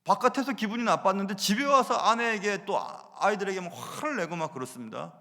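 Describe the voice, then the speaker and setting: A man preaching a sermon as pastor, animated, moving between loud emphasis and hushed asides. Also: sits high, brisk. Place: church sanctuary. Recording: long reverb of a church hall.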